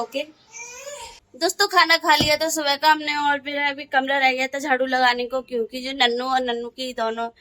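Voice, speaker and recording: A young North Indian woman with a high, bright voice, talking to her phone camera in a casual home vlog. She narrates her chores and errands step by step in a chatty way, with a faint hum of ambience behind her. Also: poor audio. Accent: North Indian Hindi. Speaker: vlogger and mother. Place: home rooms, then street and a shop.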